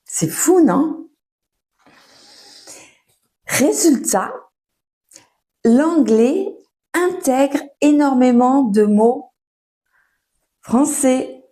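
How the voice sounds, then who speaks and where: A young woman giving a casual, patient French lesson at home, often pausing with fillers and restarting her sentences. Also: sits high, lively intonation, mellow. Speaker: French teacher. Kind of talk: casual spoken lesson for learners.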